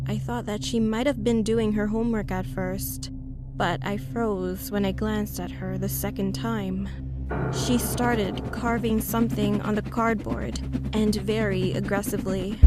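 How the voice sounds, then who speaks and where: A woman narrating a first-person horror story, slow and measured. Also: medium pitch.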